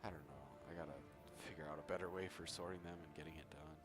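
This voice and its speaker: A man's voice: very deep voice, fairly even intonation, quick pace. A man giving a casual, rambling and hesitant commentary on his gaming progress, recorded on a cheap microphone. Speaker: gaming video creator. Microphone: cheap temporary microphone. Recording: cheap poor microphone, loud music behind. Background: loud music.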